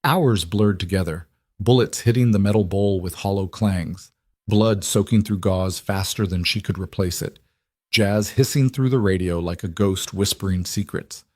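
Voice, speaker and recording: A man narrating a scripted audiobook romance story in a measured, dramatic storytelling manner. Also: low-pitched, darkish tone, no room sound, studio quality.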